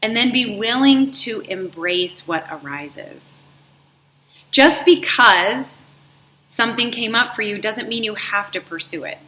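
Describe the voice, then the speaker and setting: Bright-voiced woman coaching viewers. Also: mid-range voice, expressive. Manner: warm, encouraging, drawn-out emphasis on words. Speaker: life coach and show host. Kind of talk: motivational talk to viewers. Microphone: live stream setup.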